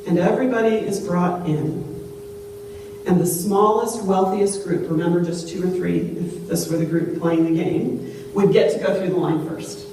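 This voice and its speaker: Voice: medium pitch, steady tone, normal speed, dark tone. A pastor giving a sermon through a pulpit microphone in a church, telling a story in a conversational way and putting questions to the congregation. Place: church sanctuary. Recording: very echoey church, distant mic, faint hum.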